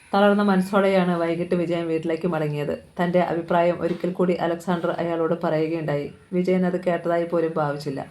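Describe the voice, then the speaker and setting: A narrator reading a crime thriller novel aloud with steady, dramatic storytelling. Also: medium pitch, poor audio.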